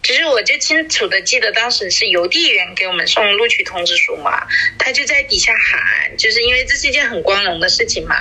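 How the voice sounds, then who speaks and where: A woman's voice: fairly high pitch, lively intonation, brisk, few pauses, sharp tone, slightly rough, poor audio. A woman in her forties chatting casually as a podcast co-host, rambling with many fillers and restarts. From small city in China. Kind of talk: casual chat.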